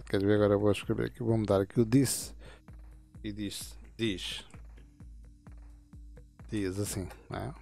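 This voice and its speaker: A fifties-aged man talks viewers through a chat setup. His voice sits low, and he rambles and restarts as he clicks through menus. Faint music plays underneath. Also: gravelly, darkish tone. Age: 50s. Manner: meandering, halting explanations with frequent restarts. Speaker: gaming channel host. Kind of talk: casual screen-recorded tutorial.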